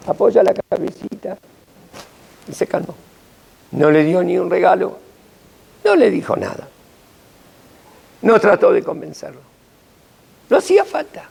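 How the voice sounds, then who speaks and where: An older man, a rabbi, preaching a sermon with dramatic, emphatic storytelling and sudden swings in pitch. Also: vocal fry, breathy edge.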